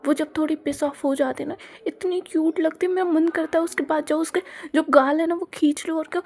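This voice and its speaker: A dramatic, lovestruck teenage schoolgirl in an audio story, played by a woman narrator. She gushes in slangy, exaggerated bursts, and her voice sits high. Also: fairly even intonation, a little fast, darkish tone. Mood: gushing. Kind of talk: Hindi audio story role-play.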